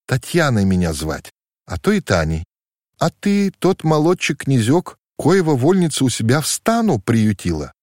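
A man voicing an eager, warm-hearted young merchant's daughter, talking in an animated folksy way in a storybook reading. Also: on the low side, a little slow, no echo, studio quality. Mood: shy then bold.

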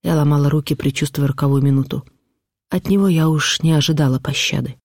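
A man narrating a literary audiobook in a measured, expressive reading style. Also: on the high side, no room sound, clean studio sound. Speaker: audiobook reader.

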